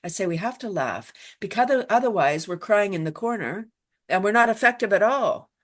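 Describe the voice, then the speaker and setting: A woman teaching laughter yoga in an interview, animated and quick to laugh, acting out little voices as she explains. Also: medium pitch. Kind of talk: enthusiastic interview talk.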